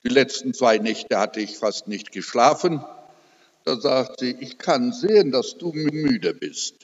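An older man preaching a personal sermon testimony, telling his story slowly and with emotion, rising to emphatic peaks. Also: mid-range voice, expressive. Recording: dull recording with long hall reverb.

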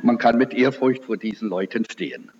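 Loud, impassioned male preacher in an echoey hall. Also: mid-range voice, fairly even intonation, gravelly, a little hiss or hum. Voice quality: loud, forceful voice. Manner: impassioned, rhetorical questions, slow emphatic build-ups. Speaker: evangelist preacher. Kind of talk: sermon. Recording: echoey hall, dull lo-fi sound.

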